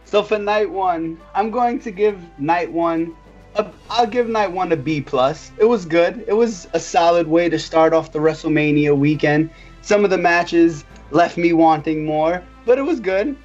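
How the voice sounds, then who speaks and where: A man's voice: fairly high pitch, unhurried, a little mellow, faint music behind. Earnest male guest on a dull line. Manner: earnest, repeats words as he goes. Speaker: podcast guest. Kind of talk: casual wrestling podcast chat.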